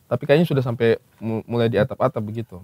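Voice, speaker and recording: A man's voice: medium pitch, rapid-fire, warm tone, dry recording. A man from Baubau chatting with friends, teasing them and jumping in with corrections and jokes. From Baubau, Southeast Sulawesi. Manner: teasing, jumps in to correct and joke. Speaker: podcast co-host. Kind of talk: casual chat among friends.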